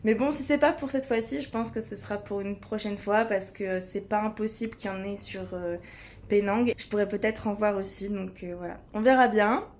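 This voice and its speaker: Talking casually to the camera as a travel vlogger, a woman with a mid-range, slightly mellow voice speaks a little fast. She sounds hesitant, groping for her words, and ambient noise is clearly heard behind her.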